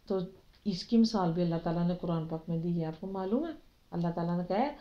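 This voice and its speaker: A woman's voice: fairly low pitch, slight background noise. A woman with a Pakistani Urdu accent teaching children religion in an online class, often asking them questions to keep them involved. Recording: dull lo-fi audio.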